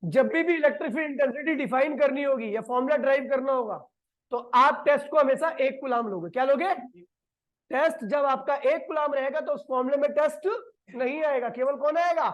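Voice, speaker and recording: A male physics teacher giving a classroom lecture. He fires questions at the class, answers them himself, and slows right down to dictate definitions. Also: very high-pitched, dull audio. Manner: quizzes the class and answers his own questions. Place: classroom with a board.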